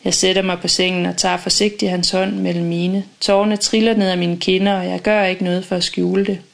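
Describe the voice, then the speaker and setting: A woman reading a first-person audiobook in a calm, measured, intimate way. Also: fairly low pitch, creaky. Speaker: audiobook narrator.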